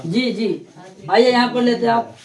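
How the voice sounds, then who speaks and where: A man's voice: very high-pitched, normal speed, creaky. A male teacher giving a classroom grammar lesson, repeating terms and quizzing his students. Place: classroom with a board. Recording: echoey classroom.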